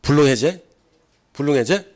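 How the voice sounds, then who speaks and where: A man's voice: on the high side, normal speed. Korean guy teaching law class, voice jumps up and down a lot, keeps quizzing students and acting stuff out. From South Korea. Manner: animated, asks the class questions, acts out examples. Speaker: law lecturer. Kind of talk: classroom lecture.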